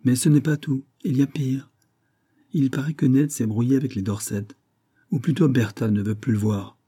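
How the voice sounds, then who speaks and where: A man's voice: medium pitch, steady tone, moderate pace, slightly rough, pitched above the performer's own voice, lightly acted. A man voicing an anxious, kindly young woman who gossips and fusses over her friend, in an audiobook reading. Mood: worried gossip. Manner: fretful gossiping, gently fussing.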